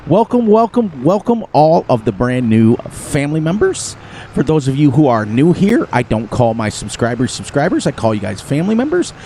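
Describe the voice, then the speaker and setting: Slightly high with some vocal fry, this man's warm voice carries a faint hiss or hum. He hosts a gaming channel and keeps up chatty, playful commentary on a farming game, laughing often through a runny, sniffly nose.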